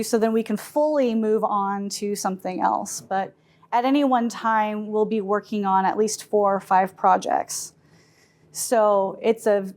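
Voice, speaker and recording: A woman's voice: medium pitch, a little mellow. Woman, 30s, music librarian; friendly, casual, hesitant interview answers. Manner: friendly, with many fillers and restarts.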